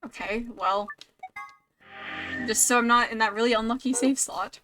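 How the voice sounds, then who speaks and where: A woman's voice: on the high side, steady tone, moderate pace, bright, forceful tone, faint music behind. A woman hosting a let's play, chatting casually about the game and reading its narration aloud.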